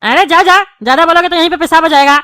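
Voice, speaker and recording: A woman's voice: extremely high pitch, fast talker, pushed and bright, no room sound. Woman voicing a taunting bald cartoon politician with a lilt. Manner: scolding, taunting, name-calling. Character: bald male neighborhood politician, quarrelsome and mocking. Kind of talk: cartoon dubbing.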